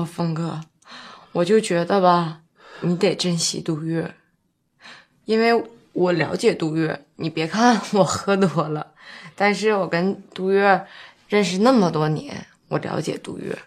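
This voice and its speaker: A woman's voice: fairly low pitch, measured pace. Drunk, weepy village woman. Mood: drunk sorrowful. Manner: tearful, pleading, slurred from drink. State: drunk and crying. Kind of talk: TV drama acting.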